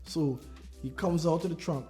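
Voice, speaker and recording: Animated man laughing through podcast talk. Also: a little high, normal speed, soft background music. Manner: animated, laughing, retells stories with acted voices. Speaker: podcast co-host. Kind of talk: casual podcast chat.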